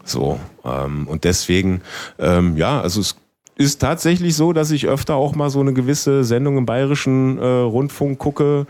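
A man's voice: medium pitch, steady tone, moderate pace, a little mellow. A man from West Berlin, a band member chatting in a rambling way with many fillers during an interview. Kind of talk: casual interview chat.

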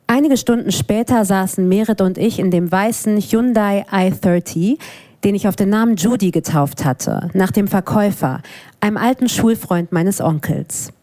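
A woman's voice: mid-range voice, normal speed. A woman in her thirties from Hamburg, introducing herself casually and then steadily reading her own prose aloud at a live event. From Hamburg, Germany. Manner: relaxed, with fillers, reads prose steadily. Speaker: author reading from her book. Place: event venue before an audience.

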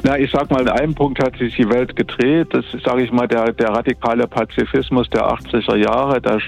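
A man's voice: mid-range voice, steady tone, brisk, gravelly, faint music behind. A man in his fifties from Dresden, a guest on the phone, answering thoughtfully with fillers and restarts. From Dresden, Germany. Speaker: academy director, phone guest. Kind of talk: phone interview. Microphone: telephone line. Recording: dull lo-fi phone line.

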